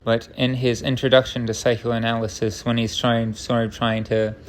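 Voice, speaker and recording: A man's voice: medium pitch, monotone, moderate pace, slight background noise. A man rambling through an unscripted, tangent-prone rant, stopping and restarting himself, with wry self-deprecating humor.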